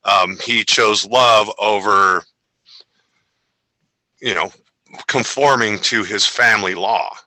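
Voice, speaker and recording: A man talks over a video call in a low, sharply bright voice, with a very dry, close sound. He tells stories in an animated way and drops into playful voices along the way. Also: takes it slowly, long pauses, no room sound, poor audio. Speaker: network member, roundtable guest. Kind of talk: casual video call chat. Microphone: video call microphone.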